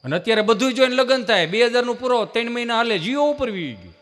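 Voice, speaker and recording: Guy doing folk comedy on stage, pretty high voice, acts out the family bits. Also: fast. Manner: animated, acts out family characters. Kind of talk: live folk comedy storytelling. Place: live stage event with audience.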